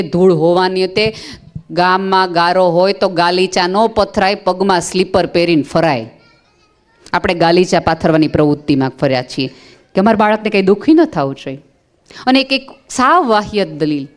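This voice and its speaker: Woman motivational speaker from Gujarat, expressive storyteller who repeats lines for emphasis. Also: lowish voice. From Gujarat, India. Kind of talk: motivational speech on parenting.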